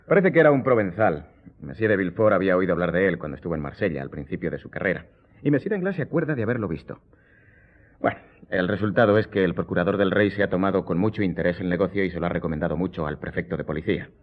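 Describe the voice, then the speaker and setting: A worldly, ironic gentleman count in a radio drama. His low voice is theatrical and courtly, and the recording is muffled and thin like a telephone line. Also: lively intonation, fast. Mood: wry, animated. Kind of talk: Spanish radio drama acting.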